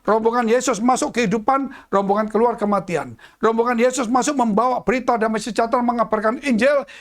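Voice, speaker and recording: A man preaching a sermon in a dramatic, swinging style, dropping to hushed tones and rising again as he addresses the congregation. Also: very high voice, a little fast. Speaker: pastor. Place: church.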